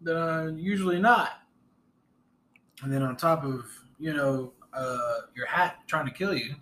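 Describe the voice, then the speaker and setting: Bright sharp-voiced guy cohosting, easygoing jokes, little hiss under it. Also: a little high. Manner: easygoing, joking, chiming in with quick agreement. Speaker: podcast co-host. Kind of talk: casual chat.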